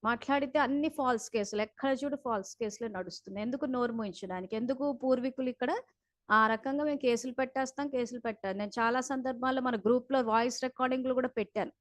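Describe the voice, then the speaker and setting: A high-pitched woman leads a spiritual class over a video call. She speaks in an earnest, instructive way as she recounts heated phone calls. The sound is close and dry, with no room echo. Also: quick pace.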